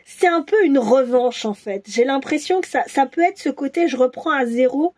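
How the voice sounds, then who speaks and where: A woman doing a casual tarot reading for viewers, musing and hesitant, with many restarts and soft asides. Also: high voice, animated, moderate pace. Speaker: tarot reader.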